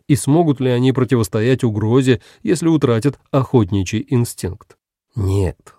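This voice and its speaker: A man reading an audiobook as narrator with an expressive, gravelly delivery. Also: mid-range voice, no room sound, studio quality. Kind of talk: scripted narration.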